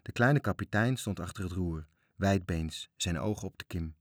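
A man's voice: sits low, normal speed, no echo, clean studio sound. A man reading a children's story aloud, expressively, voicing the characters. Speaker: narrator.

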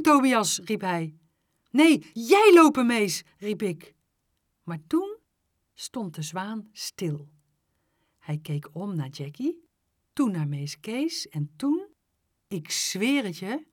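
Slow-reading woman with a dry sound. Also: dry recording. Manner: unhurried expressive reading, lively pitch on exclamations. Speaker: storyteller. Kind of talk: children's story reading.

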